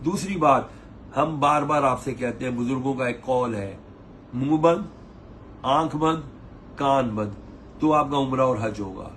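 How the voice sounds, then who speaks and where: A man's voice: medium pitch, long pauses, fairly bright tone, slight background noise. A man, a tour operator lecturing pilgrims to camera in a preachy, scolding way, mimicking their complaints. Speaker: umrah tour operator giving advice. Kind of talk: advice talk to camera.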